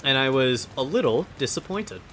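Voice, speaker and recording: A man's voice: mid-range voice, animated, normal speed, fairly bright tone, a little hiss or hum. A man hosting a casual gameplay chat, rambling and muttering to himself as he plays. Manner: chatty, rambling, mutters to himself while playing. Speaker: let's play host.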